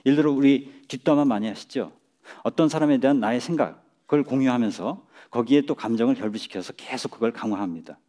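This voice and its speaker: Mellow-voiced man giving a lecture. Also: medium pitch. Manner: measured, chuckles at his own jokes. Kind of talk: public lecture. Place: lecture stage before an audience.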